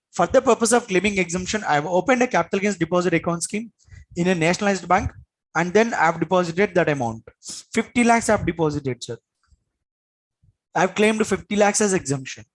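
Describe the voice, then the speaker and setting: A man's voice: high-pitched, poor audio. A man with an Indian accent giving a classroom lecture as an exam coach, in an emphatic, repetitive manner with frequent check-in questions.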